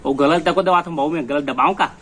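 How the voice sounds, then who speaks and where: Teasing high-voiced Chhattisgarhi man. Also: brisk. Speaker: comedy sketch actor. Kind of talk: Chhattisgarhi comedy sketch acting. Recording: loud music behind.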